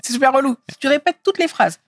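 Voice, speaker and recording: A middle-aged actress from France speaking in a relaxed interview, lively and emphatic as she tells her story. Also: sits high, fast, dry recording, clean studio sound. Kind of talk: casual interview talk.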